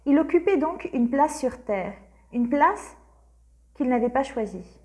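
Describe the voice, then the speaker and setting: A woman narrating a literary audiobook in a measured, expressive way. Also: sits high. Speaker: audiobook reader.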